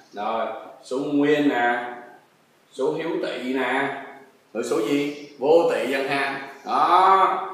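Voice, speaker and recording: A man's voice: a little high, a bit bright. A man teaching a textbook math lesson, coaxing pupils along with frequent tag questions. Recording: very echoey room, distant mic, faint noise.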